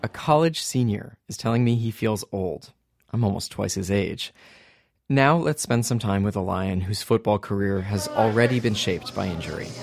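A man's voice: on the low side, moderate pace, vocal fry, no echo. A man in his forties narrating a reported documentary podcast in a dry, wry storytelling manner.

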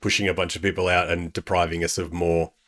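A man's voice: low-pitched, flat delivery, quick pace, fairly bright tone. A man co-hosting a podcast, telling rambling self-deprecating stories in casual chat. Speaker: podcast co-host.

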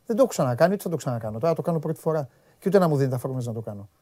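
A man's voice: a little high, expressive, mellow, no room sound. A man hosting a live sports talk show, scolding his viewers in an exasperated, repetitive way. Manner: scolding, exasperated, repeats himself when worked up. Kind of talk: heated live sports chat.

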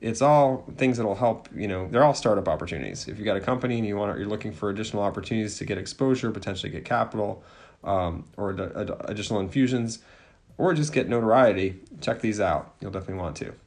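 A man with a fairly low voice runs through announcements and sponsor spots for his podcast. His delivery is upbeat and promotional, with a few restarts here and there. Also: fast talker. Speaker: podcast host.

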